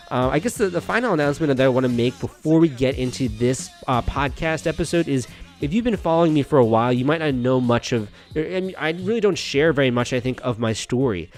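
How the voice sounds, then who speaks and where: A man's voice: mid-range voice, darkish tone. Chatty young male podcast host. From United States. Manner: friendly, chatty, with frequent restarts. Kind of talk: casual podcast monologue.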